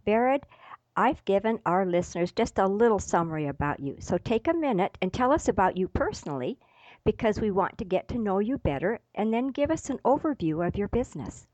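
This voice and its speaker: A woman's voice: mid-range voice, very animated, fairly quick, a little mellow, no echo. A woman hosting a podcast, introducing her guest with upbeat enthusiasm. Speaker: podcast host. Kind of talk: interview hosting. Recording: dry, dull lo-fi sound.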